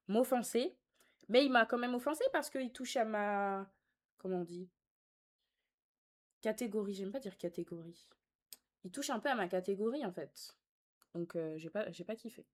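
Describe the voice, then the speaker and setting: Chatting casually with her live stream viewers, a young woman reads comments aloud and responds to them in a sassy, teasing, slang-heavy way. Her middling, darkish voice has lively intonation and a moderate pace, with long pauses.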